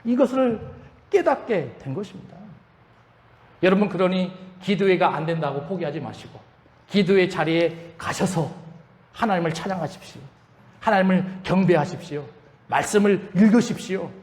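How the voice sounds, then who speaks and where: A man's voice: sits high, normal speed. A man preaching a sermon as pastor, often asking the congregation questions and raising his voice when quoting. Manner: asks the congregation questions, rising to shouts in quotes. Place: church sanctuary. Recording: echoey church hall reverb.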